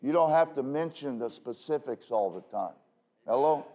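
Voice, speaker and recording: A male pastor preaching a sermon from the pulpit in a conversational way, full of self-deprecating asides and quick "okay?" checks with the congregation. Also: mid-range voice, lively intonation, dark tone. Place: church pulpit.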